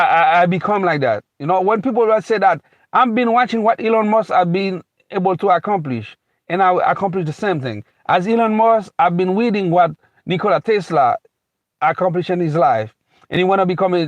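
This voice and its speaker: Here a man from Haiti who lives in America rambles through an improvised motivational speech, repeating himself, restarting often, and saying "you know" a lot. His voice sits high, and the recording carries no room sound.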